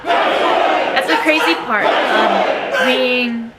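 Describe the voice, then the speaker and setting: A woman's voice: fairly high pitch, drawn-out words, a loud crowd, heavy background noise. An American woman giving casual reaction commentary as a former drill sergeant, with video audio behind her.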